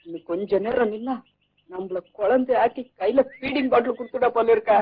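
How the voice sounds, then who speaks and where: A man's voice: very high-pitched, brisk, a little hiss or hum. An actor playing a bumbling young man who politely asks a village woman for directions, stammering as he goes. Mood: sheepish. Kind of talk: 1980s comedy film acting. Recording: tinny, husky old film soundtrack.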